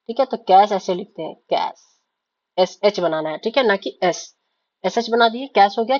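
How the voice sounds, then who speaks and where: Woman shorthand teacher, mid-pitched voice, spells out patiently, slightly muffled lo-fi recording. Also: a little mellow. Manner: repeats words, spells letters out, keeps asking "ठीक है?". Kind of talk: step-by-step lesson, writing on a board. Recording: slightly dull, lo-fi sound.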